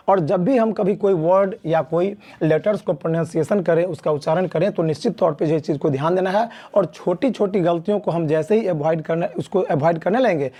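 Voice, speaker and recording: A male teacher from Mithila gives a beginners' lesson at a board. His voice is mellow and dark, and he speaks slowly and deliberately, drawing out each letter and repeating key points. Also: sits high. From Mithila region of India. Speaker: English teacher.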